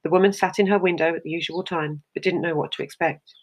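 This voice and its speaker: A narrator reading a short story aloud in a steady, measured way. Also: mid-range voice, husky.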